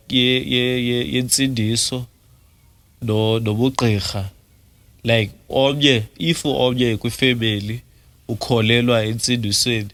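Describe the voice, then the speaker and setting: A man's voice: mid-range voice, fairly bright tone, no echo. A man from South Africa with a Xhosa accent, hosting an interview in a conversational way. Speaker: interviewer, host. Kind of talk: conversational interview questioning, mixing in English.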